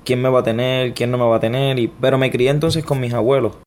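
A man's voice: medium pitch, fairly even intonation, fast talker, darkish tone. A man with a Puerto Rican accent, a guest giving his personal testimony in an interview, speaking reflectively with many restarts and fillers. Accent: Puerto Rican Spanish. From Puerto Rico.

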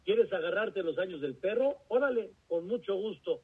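A man's voice: high voice, animated, moderate pace, breathy edge, heavily acted. A man with a Mexican accent voicing God in a retold parable, replying bluntly and casually. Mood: offhand. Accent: Mexican Spanish. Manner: blunt, casual colloquial replies. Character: God handing out lifespans, matter-of-fact. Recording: tinny phone-like recording.

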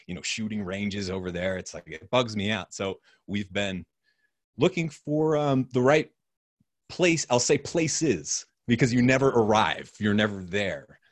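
A man with a lowish voice speaks as a podcast guest in loose, casual conversation. He sounds easygoing and reflective, dropping in filler words as he thinks aloud. The recording is dry and close. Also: unhurried, no echo.

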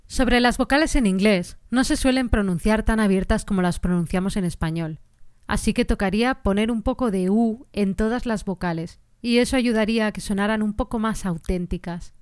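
A woman, hosting a singing-lesson podcast and explaining things in a clear teaching tone. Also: medium pitch, darkish tone, no room sound, clean studio sound.

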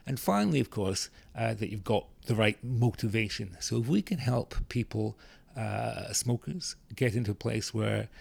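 A man, a public health expert, answering interview questions in a measured way with many fillers. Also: fairly low pitch, lively intonation, creaky, slightly rough.

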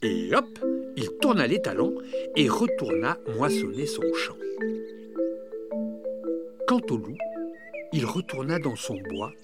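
Calm storybook narrator over music. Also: medium pitch, slow, long pauses. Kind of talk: storybook reading.

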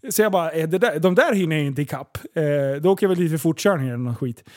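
A man in casual podcast chat, telling a story in an animated way, swearing freely and acting out the dialogue. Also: a little high.

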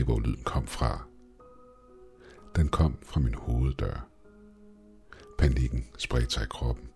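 A man's voice: extremely low pitch, a little mellow. A man narrating a first-person horror story in a tense, scripted storytelling manner. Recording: faint background music.

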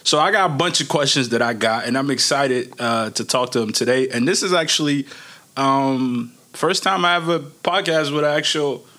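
A man's voice: medium pitch, normal speed, bright, forceful tone. A man from Niger hosting a podcast in an informal, slangy way, chatting with rambling asides. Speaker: podcast host. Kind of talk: casual chat.

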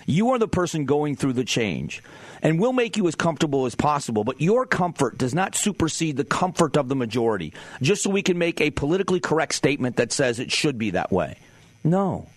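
A man's voice: fairly high pitch, very animated, fairly quick, no room sound. A man in his forties from Southwest Florida, hosting a talk radio show and delivering an opinionated monologue in a firm, emphatic, conversational way. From Southwest Florida, USA. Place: radio studio. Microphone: studio microphone.

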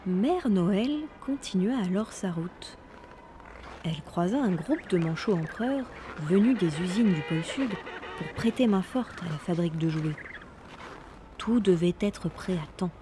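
Mellow-voiced woman reading a storybook. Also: on the low side, a little hiss or hum. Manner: lively, playful sound words. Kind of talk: storybook narration.

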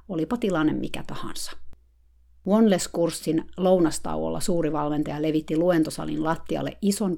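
Woman, diary reading, wry and dry, deep, creaky. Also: a little mellow. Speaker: blogger narrating a diary. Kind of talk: read diary narration.

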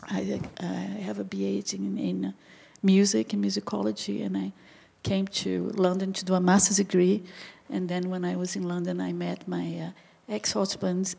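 A woman with a Brazilian Portuguese accent, a filmmaker answering interview questions in a halting way, pausing often to find her words. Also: medium pitch, gravelly, dark tone, breathy edge. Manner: halting, searching for words with many pauses. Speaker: documentary filmmaker, interview guest.

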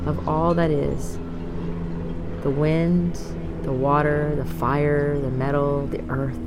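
Slow, low-voiced woman guiding meditation outdoors. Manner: calm, soothing, unhurried delivery with long pauses. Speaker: meditation guide and host. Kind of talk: guided meditation. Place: outdoors at a waterfront yacht club by a bay. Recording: windy outdoor noise, distant boat ambience. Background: outdoor wind and waterfront ambience.

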